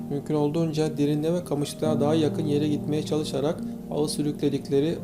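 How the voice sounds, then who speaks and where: A man narrating an audiobook in a steady storytelling manner. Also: on the high side. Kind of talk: scripted narration. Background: faint guitar music.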